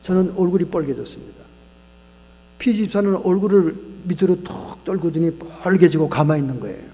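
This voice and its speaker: A man's voice: sits high, a little fast, long reverb tail. A man preaching as a pastor, telling a story and acting out the voices of the people in it. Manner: animated storyteller who acts out the people in his story. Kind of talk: sermon storytelling. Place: church sanctuary.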